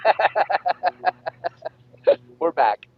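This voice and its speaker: A man co-hosting a live stream in casual chat, his voice coming through with a tinny transistor-radio sound, upbeat and grateful. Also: very slow. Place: home room. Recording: dull lo-fi mic with faint hiss.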